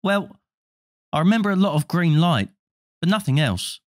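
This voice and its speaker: A woman's voice: on the low side, big pitch swings, moderate pace, no echo, studio quality, pitched above the performer's own voice. Harry Potter, a man voicing a polite boy. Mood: curious. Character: polite, curious eleven-year-old boy.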